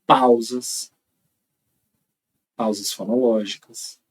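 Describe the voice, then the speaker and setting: A man's voice: medium pitch, fairly even intonation, drawn-out words, slightly rough, recorded from a distance, rough recording. A man with a Brazilian accent teaching an online lecture, explaining step by step and checking in with frequent "tá?". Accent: Brazilian Portuguese.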